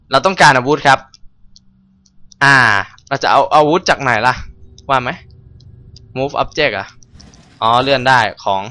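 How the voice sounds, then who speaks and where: A young man streaming a game, cursing loudly at enemies and narrating politely to viewers in between. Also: mid-range voice, smooth. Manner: foul-mouthed, yells and curses at enemies. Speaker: gameplay streamer. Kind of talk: casual let's-play commentary.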